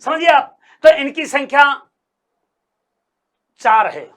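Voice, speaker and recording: Male coaching teacher, high-pitched, bright tone, slow delivery, repeats phrases, sounds out letters, quizzes the class. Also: lively intonation. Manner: sounds out letters slowly to demonstrate; addresses students as sir and brother. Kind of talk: Hindi grammar lecture.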